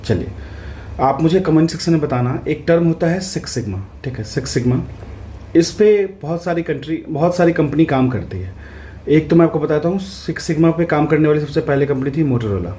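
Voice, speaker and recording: A man, an exam prep tutor, explaining answers in a casual lesson, checking in often and reading questions out slowly. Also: a little high, expressive, dark tone, a little hiss or hum. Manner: conversational, repeats "ठीक है" to check in, reads English questions out slowly.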